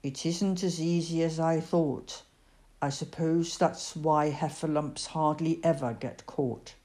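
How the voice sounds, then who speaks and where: A woman reading a storybook aloud, voicing a gentle, slow-witted male teddy bear who muses softly and unhurriedly. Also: low-pitched, steady tone. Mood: musing. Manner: soft, musing and unhurried.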